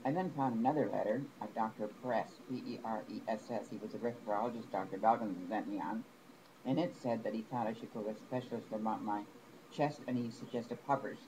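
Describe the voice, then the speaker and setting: A man telling a long personal complaint to the camera, rambling and aggrieved, with halting restarts. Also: fairly low pitch. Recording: noisy home recording.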